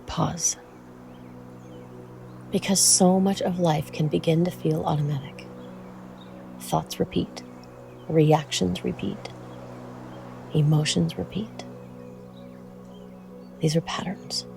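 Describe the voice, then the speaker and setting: A meditation guide speaks soothingly and at a measured pace over music, pausing often. Her mid-range voice holds a steady tone and is soft, sometimes breathy.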